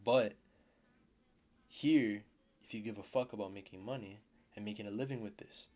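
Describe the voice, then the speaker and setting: A man's voice: fairly low pitch, steady tone, fast talker, darkish tone. A man teaching a casual trading lesson as a mentor, blunt, swearing now and then and repeating key terms.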